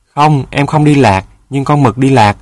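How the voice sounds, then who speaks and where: A man's voice: medium pitch, fairly quick, no echo, lightly acted. A man voicing a curious, naive little boy in a storybook, asking eager questions.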